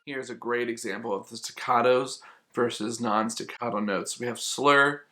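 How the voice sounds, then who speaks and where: A man's voice: mid-range voice, fairly even intonation, normal speed, sharp tone, faint music behind. Patient man teaching flute technique. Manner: patient, explains and repeats points for emphasis. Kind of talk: instructional explanation.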